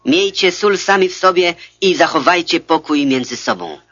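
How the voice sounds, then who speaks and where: A man reading the words of Jesus as a calm adult teacher in a measured, solemn scripture reading, on a dull lo-fi recording. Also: a little high, full character voice.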